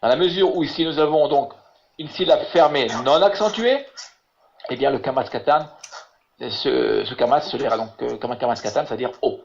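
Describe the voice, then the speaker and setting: A man teaching Hebrew in an online lesson over a video call. He talks haltingly, repeating words and filling with "voilà". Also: mid-range voice, gravelly. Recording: muffled lo-fi web call audio.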